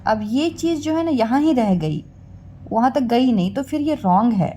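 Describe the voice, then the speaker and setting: A woman's voice: on the high side, expressive, dark tone. A woman teaching a children's spelling lesson, sounding out words syllable by syllable in a coaxing way. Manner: slow, drawn-out syllable-by-syllable teaching; coaxing, addresses listeners as children.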